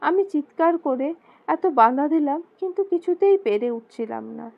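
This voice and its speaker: A woman voicing a frightened young bride who is crying and speaks in halting, broken phrases, in a storybook reading. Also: high-pitched, lively intonation, creaky, full character voice. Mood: tearful. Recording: slightly dull lo-fi recording.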